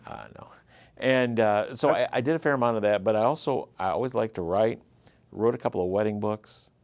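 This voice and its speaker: Speaking fairly quickly in a lowish, slightly mellow voice with no room sound, this guest is a writer and producer in his fifties from Michigan, USA. He has a Michigan accent and narrates his story in an easy, casual interview.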